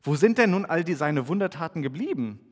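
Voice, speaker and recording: A man's voice: animated, brisk, big-room sound. A man reading the part of an anxious young farmer-warrior who pleads and questions, his voice raised a little. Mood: doubting. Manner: pleading, questioning, a bit higher and louder.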